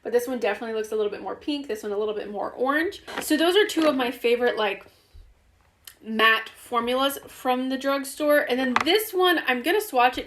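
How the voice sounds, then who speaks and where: A woman's voice: a little high, fairly bright tone. A woman giving a casual, chatty lipstick review, with fillers and restarts, her voice a bit worn. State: losing her voice. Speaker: beauty vlogger.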